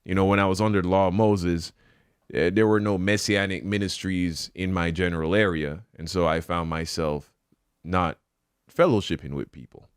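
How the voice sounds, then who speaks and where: Man, low voice, smooth and clear, earnest preachy reaction commentary, dry close sound. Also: fairly even intonation, normal speed, dry recording. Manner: earnest, preachy, repeats points for emphasis.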